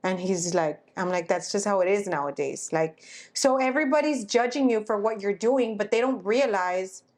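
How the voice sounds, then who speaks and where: A young woman in her twenties co-hosting a relaxed podcast. She talks in a chatty, storytelling way and mixes in the odd Spanish phrase. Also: mid-range voice, moderate pace, hardly any pauses. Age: 20s. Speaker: podcast co-host. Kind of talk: casual chat.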